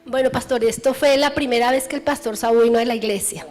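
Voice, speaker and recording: A woman in a church telling her personal testimony, earnest and lively with a self-amused touch. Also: on the high side, brisk, soft background music. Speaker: church member giving testimony.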